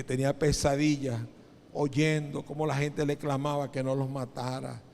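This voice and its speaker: A male pastor preaches to his congregation, slowing down to read scripture and asking the listeners questions. His voice sits fairly high for a man. A long church-hall reverb and a faint low rumble lie under the speech. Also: gravelly, a little mellow. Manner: addresses the congregation directly, reads scripture slowly. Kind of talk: sermon. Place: church auditorium.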